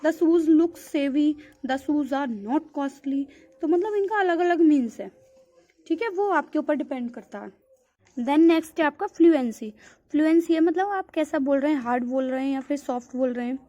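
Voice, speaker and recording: Brisk and high-voiced with a mellow tone, a woman school teacher lectures her class from a textbook. Her Hindi is sprinkled with English terms, she calls students "beta," and "theek hai" comes up repeatedly.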